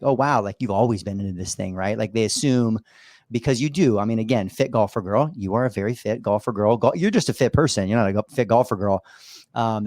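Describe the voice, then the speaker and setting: A man's voice: fairly low pitch, darkish tone, dry recording, studio quality. A man hosting a podcast, talking in an upbeat, loose way with many fillers. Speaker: podcast host. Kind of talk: casual interview chat.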